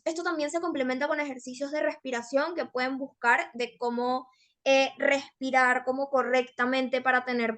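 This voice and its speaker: A woman's voice: high-pitched, fairly bright tone. A young woman giving a workshop presentation on public speaking, explaining with frequent fillers.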